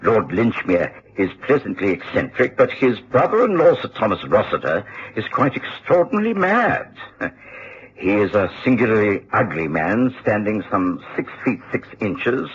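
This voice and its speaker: Low-voiced English gentleman Doctor Watson. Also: husky, heavily acted. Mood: intrigued, uneasy. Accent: British Received Pronunciation. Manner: measured, expressive storytelling. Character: genial, earnest English gentleman doctor narrating his adventures. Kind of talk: radio drama narration and dialogue. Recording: dull, faintly noisy old radio recording.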